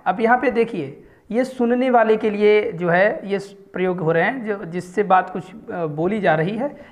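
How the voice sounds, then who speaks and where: A woman teaching a Hindi grammar lesson, explaining step by step and asking her students questions. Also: mid-range voice.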